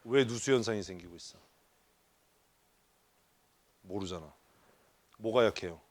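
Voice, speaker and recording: A man's voice: on the low side, a little slow, darkish tone, dry recording. A male pastor giving a church leadership seminar talk, teasing his audience and firing questions at them. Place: church hall.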